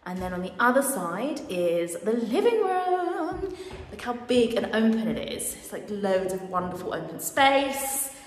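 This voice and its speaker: A woman in her thirties chats playfully as she walks through bare rooms, her voice rising and falling in an animated way. The phone recording is roomy and echoey, with a steady layer of noise underneath. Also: a little high, a little slow. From England. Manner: chatty, playful, lively tour-guide banter. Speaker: vlogger. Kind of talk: casual house-tour vlog. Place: empty house with bare rooms and wood floors. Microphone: phone held at arm's length and on a tripod.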